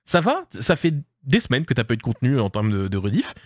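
A man's voice: mid-range voice, wildly swooping pitch, quick pace, no room sound, clean studio sound. A man streaming live, chatting casually and jokily while reading his chat aloud.

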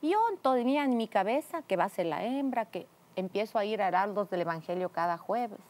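A woman guest telling a personal faith testimony, acting out the voices in her story with sudden high jumps. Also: fairly quick, darkish tone. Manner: acts out quoted dialogue with big pitch jumps. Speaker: interview guest.

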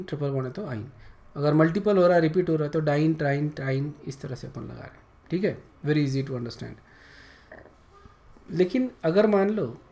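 A man's voice: a little high, darkish tone. A man teaching an organic chemistry lesson, explaining step by step and often checking whether students have understood. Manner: slow, explanatory, checks understanding with repeated tag questions. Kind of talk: classroom lecture mixing Hindi and English.

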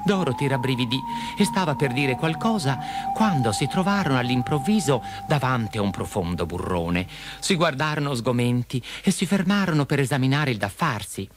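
A man narrating a children's fairy tale, with lively, expressive storytelling. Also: mid-range voice, moderate pace. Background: background music.

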